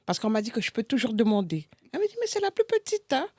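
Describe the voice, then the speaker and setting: A middle-aged woman telling a funny story to her son in a casual family chat, dramatic and lively, acting out other people's lines. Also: fairly high pitch, quick pace, slightly rough, dry recording, clean studio sound. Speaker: mother of the host, guest.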